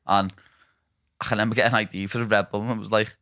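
Young man, bright tone, dry close sound, casual banter. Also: fairly low pitch, level tone, fast talker, no room sound. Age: 20s. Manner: laddish banter, says "lad" a lot. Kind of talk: casual chat.

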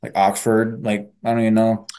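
Podcast co-host: young guy, lowish mellow voice, loose rambling chat full of fillers and cursing. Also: completely flat delivery, fairly quick, clear, resonant tone. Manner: rambling, heavy on fillers and swearing. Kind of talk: casual chat.

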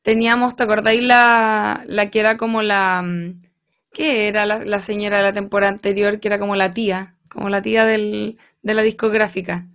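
A woman, a guest on a podcast, talking casually and often pausing to search for words. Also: mid-range voice, level tone, fairly bright tone. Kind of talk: casual chat.

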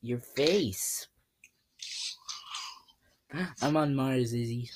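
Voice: mid-range voice, drawn-out words, darkish tone. A podcast host in casual, rambling chat over a voice call while gaming, joking and teasing their friend.

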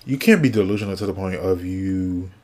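A man hosting his own podcast alone, chatting casually and sassily from topic to topic, sounding sleepy and yawning, often trailing off into quiet mumbles. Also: sits low, a little fast. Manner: chatty, sassy, drifting between topics. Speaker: podcast host. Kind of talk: casual solo podcast chat.

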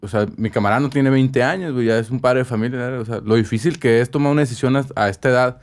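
Un hombre con acento sinaloense que cuenta anécdotas en una charla informal, con mucha jerga e imitando las voces de otros. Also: male voice, medium pitch, quick pace. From northwestern Mexico. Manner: slangy, animated storytelling with acted-out quotes. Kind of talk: casual storytelling chat.

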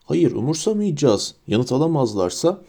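Gruff grumpy uncle barking orders, read by a guy, kinda mellow dark tone, storybook reading. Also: on the high side, very animated, normal speed, pitched above the performer's own voice, heavily acted. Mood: irritated. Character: blustering middle-aged uncle, bad-tempered.

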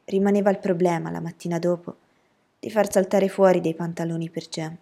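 A woman reading a novel aloud as an audiobook narrator, telling the story in an even, steady way. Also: on the low side, a little fast, vocal fry.

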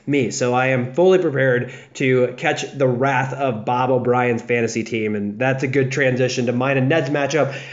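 A young American man from south of the Chicago area hosts a casual solo fantasy football podcast, talking loosely with fillers and restarts. His medium-pitched voice is steady at a normal speed, and the podcast audio is dull and lo-fi.

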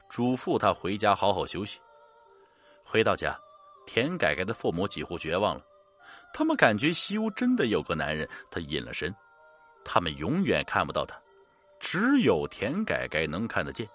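A man narrating a horror story in a measured, dramatic way, slowing down for suspense. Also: on the low side, fairly bright tone.

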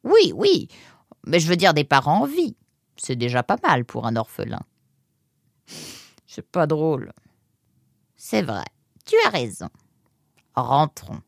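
Woman doing a big sly mama fox, slow coaxing drawl, voice jumps all over. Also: deep voice, big pitch swings, vocal fry, no echo, studio quality, exaggerated voice. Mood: motherly. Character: large sly motherly female fox. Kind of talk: audiobook character voice.

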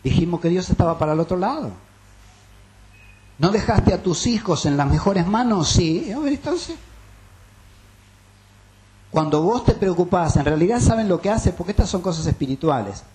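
Male preacher, emphatic sermon delivery that keeps asking the congregation questions, slightly raised pitch. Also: animated, moderate pace, pauses often, darkish tone. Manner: emphatic, addresses listeners with rhetorical questions.

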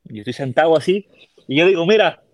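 A middle-aged man from Puerto Rico with a Puerto Rican Spanish accent, telling a personal story as a podcast guest in a casual, animated way and acting out the voices of people in it. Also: medium pitch, normal speed, no echo, muffled recording.

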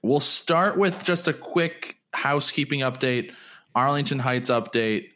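A man's voice: medium pitch, measured pace, pushed and bright. A man co-hosting a sports podcast, talking casually and rambling through news with frequent restarts. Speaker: podcast co-host.

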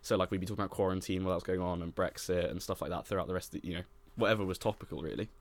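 A young man with a notably deep voice chats on a podcast. He rattles along quickly, restarting sentences and stacking fillers as he goes. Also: dry recording. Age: young adult. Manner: fast, rambling, full of fillers and restarts. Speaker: podcast co-host. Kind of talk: casual chat.

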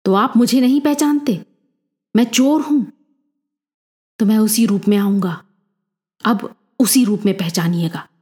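A woman voicing a desperate, proud male mason who pleads loudly to be recognised. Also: medium pitch, fairly even intonation, moderate pace, natural voice. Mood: defiant. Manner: pleading then defiant shouting.

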